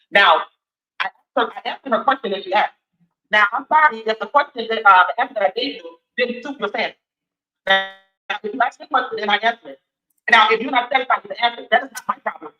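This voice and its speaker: A woman's voice: mid-range voice, pushed and bright, roomy sound, lo-fi sound. A woman in her sixties, a candidate answering interview questions in an emphatic, repetitive, defensive way. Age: 60s. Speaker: city council candidate.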